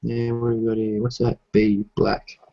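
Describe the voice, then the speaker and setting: A man's voice: lowish voice, completely flat delivery, normal speed, gravelly, dark tone. A man chatting casually and slangily about his hobby, with some swearing, on a group call. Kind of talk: casual hobby chat while building models. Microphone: online group call microphone. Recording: dull, lo-fi call audio.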